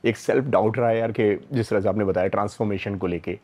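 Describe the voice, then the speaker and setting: A man's voice: on the low side, fast talker, a little mellow. A man with an Indian accent interviewing a guest, asking probing questions and affirming often.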